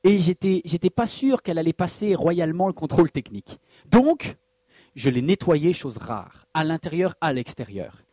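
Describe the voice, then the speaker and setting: A man's voice: a little high, normal speed, no echo. A man preaching a sermon as pastor, mixing personal stories with rhetorical questions and sudden bursts of emphasis. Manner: animated preaching with personal anecdotes, rhetorical questions and acted quotes.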